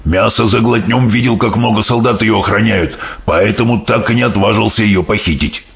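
A man voicing a big, gentle giant who mangles his words into odd coinages, in a storybook reading. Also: lowish voice, normal speed, gravelly. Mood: grumbling. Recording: dull audiobook sound, faint music.

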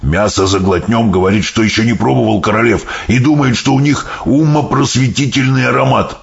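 A man voicing a big, gentle giant who mangles his words into odd coinages, in a storybook reading. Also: mid-range voice, fairly quick, gravelly, close to an everyday voice. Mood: grumbling. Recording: dull audiobook sound, faint music.

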